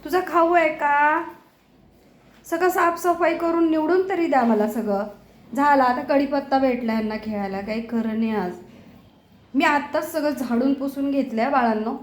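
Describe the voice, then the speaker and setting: High-voiced woman fondly scolding her pets. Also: moderate pace, reverberant. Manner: fond exasperated scolding in baby talk. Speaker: pet owner filming her cats. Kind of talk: casual home video chatter to pets. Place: home kitchen.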